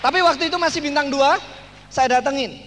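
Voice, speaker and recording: High-voiced man telling a story in a hall. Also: fairly quick. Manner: animated, acts out dialogue in the story. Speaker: seminar speaker. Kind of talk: storytelling seminar talk. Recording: long hall reverb, faint noise.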